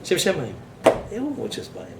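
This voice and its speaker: Animated rabbi preaching in an echoey hall. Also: male voice, a little fast, creaky. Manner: animated, exclamatory storytelling with sudden high outbursts. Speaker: rabbi giving a Torah class. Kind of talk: lively sermon with anecdotes. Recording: echoey room, voice from far off, noisy.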